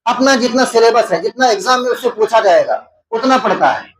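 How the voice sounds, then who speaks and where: A man's voice: very high-pitched, a bit bright. A man with an Indian Urdu accent gives an exam-prep lecture as a teacher. He asks questions and answers them himself, repeating key terms to explain them. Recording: echoey room.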